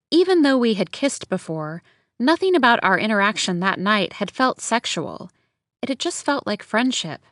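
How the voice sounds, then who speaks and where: A woman narrates an audiobook in the first person, intimate and reflective. Her voice sits at an ordinary pitch. It is a dry studio recording with no room echo.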